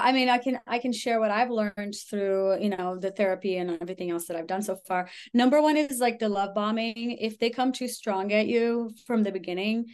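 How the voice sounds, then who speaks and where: A woman guest on a podcast, talking casually and filling her speech with "like" and "you know", acting out what others said. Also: mid-range voice. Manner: chatty, lots of "like" and "you know", acts out quotes. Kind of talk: casual conversational storytelling.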